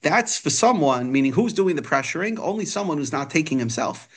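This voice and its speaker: A man's voice: a little high, animated, brisk, slightly rough. A man gives an informal religious lesson, reading a text and explaining it, often hesitating and repeating phrases. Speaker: religious teacher.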